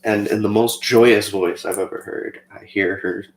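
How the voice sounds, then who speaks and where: Gravelly low-voiced young man in an echoey room. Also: moderate pace. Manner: chatty, rambling with fillers, animated when quoting himself. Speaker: co-host of a faith channel. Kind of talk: casual personal storytelling.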